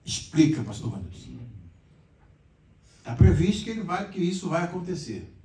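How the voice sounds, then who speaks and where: A man's voice: a little high, big pitch swings, normal speed, mellow. A man with a Brazilian accent teaching a conversational Bible class, explaining and asking the class questions. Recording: echoey room, mic far off.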